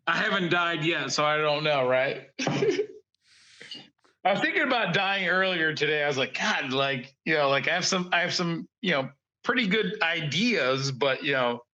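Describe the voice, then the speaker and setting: A man's voice: fairly high pitch, moderate pace, muffled recording. A man, a guest artist on a podcast, talking in a loose, profane, rambling way and acting out stories. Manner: profane, rambling, animated storytelling. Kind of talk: casual interview chat.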